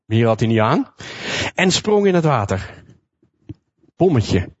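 A man preaching a sermon, retelling a Bible story in a lively storytelling manner and acting out the quotes. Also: mid-range voice, slow pace. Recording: dull lo-fi recording.

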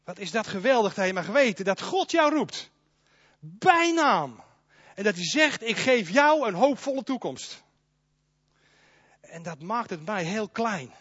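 A man preaching a sermon in a church, emphatic and animated, speaking straight to his congregation. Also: high voice, measured pace, slightly rough, no room sound, dull audio. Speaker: pastor.

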